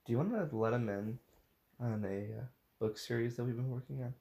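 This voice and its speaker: A young man in casual chat, agreeing in a deadpan, mock-serious way. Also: medium pitch, a little fast, gravelly.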